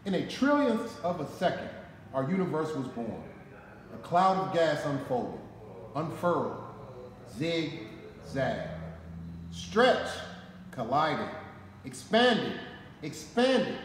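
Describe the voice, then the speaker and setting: Reading a children's story in a fire station garage with a concrete floor, this forties-aged firefighter from Detroit uses an American accent and a slightly high, very animated voice, phrasing each line deliberately and dramatically with strong emphasis. A camera set a short way off records him, and the hall echoes amid noticeable background noise.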